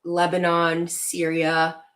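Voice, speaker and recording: Young woman guest, from Venezuela, lowish voice, earnest, reflective, fillers. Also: monotone, takes it slowly, a bit bright. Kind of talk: casual interview talk.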